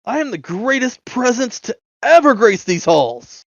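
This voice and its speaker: A vain, showy adventurer who takes offence loudly and sounds pompous and indignant, as a player hams him up. The voice is recorded dry and close on a dull, lo-fi mic. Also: male voice, medium pitch, level tone, moderate pace, no room sound, lightly acted. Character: vain, theatrical male adventurer, easily affronted.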